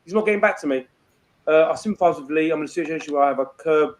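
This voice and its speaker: A man's voice: fairly high pitch, racing. Sweary, rambling man hosting. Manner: sweary, rambling, laughs often. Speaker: livestream host. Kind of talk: casual swap-shop livestream chat.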